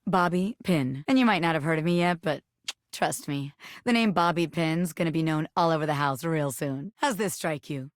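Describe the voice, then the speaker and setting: A woman's voice: low-pitched, moderate pace, dry recording, clean studio sound, lightly acted. A woman voicing a brash living bobby pin in a video game, a playful wannabe gangster who talks in cocky, teasing street slang. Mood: cocky, menacing, teasing. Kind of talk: video game character voice acting.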